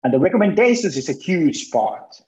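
A man giving a webinar presentation on sales, speaking haltingly with frequent restarts. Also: a little high, very animated, darkish tone. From Finland. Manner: halting, many restarts and fillers. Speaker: marketing consultant presenter. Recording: echoey room, dull lo-fi sound.

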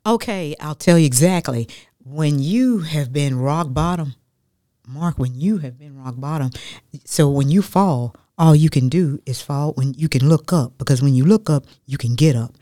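A woman, a radio guest telling her life story in an animated, chatty way that repeats phrases for emphasis. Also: deep voice, normal speed, no echo, clean studio sound. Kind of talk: casual storytelling interview.

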